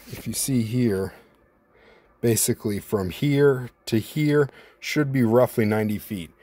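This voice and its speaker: A man casually narrating his robot mower test as a home video creator, thinking out loud and explaining what he sees on screen. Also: on the low side, no echo. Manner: thinking aloud, conversational, explanatory. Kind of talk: casual tech vlog narration. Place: indoors, at home near a computer, at times outside.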